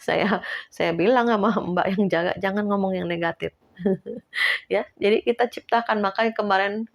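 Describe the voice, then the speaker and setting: Older woman preacher, earnest and exhortative, folksy, quick to chuckle. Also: medium pitch. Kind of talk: sermon.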